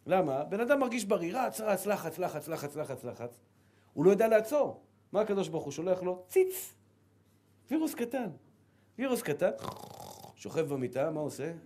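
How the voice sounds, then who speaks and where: A middle-aged rabbi from Israel giving a sermon, telling stories with lively acted-out dialogue and repeated words. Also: male voice, high voice. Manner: animated storytelling, acts out dialogue and repeats words.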